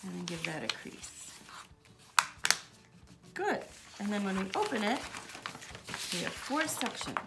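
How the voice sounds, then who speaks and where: Female kids' art teacher, 30s, very lively exaggerated intonation, music behind her. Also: mid-range voice, measured pace, long pauses, very noisy. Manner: animated, exaggerated sing-song intonation. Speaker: children's art teacher, host. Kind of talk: upbeat art tutorial for children.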